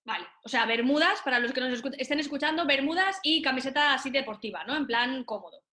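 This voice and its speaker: A woman interviewer from Valencia, playful and chatty, with a high voice. Her tone is bright and sharp. The sound is roomy and echoey, like a video call. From Valencia, Spain. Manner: playful, chatty, quick to laugh. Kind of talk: casual interview chat. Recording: roomy echo.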